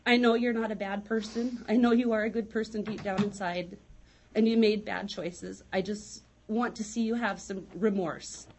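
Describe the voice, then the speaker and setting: A woman's voice: mid-range voice, fairly even intonation, moderate pace, a little mellow, a little hiss or hum, low-quality recording. A woman speaking in court, crying and heartfelt as she talks. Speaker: daycare center director. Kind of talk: emotional courtroom statement.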